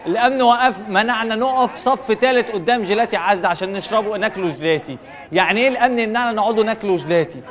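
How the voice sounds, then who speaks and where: A man playing a chatty, indignant Egyptian protester in a parody street interview, loud, emphatic and colloquial. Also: high-pitched, racing. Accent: Egyptian, varying by regional character. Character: indignant, chatty male protester with petty demands. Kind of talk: parody vox pop. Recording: echoing hall, crowd noise.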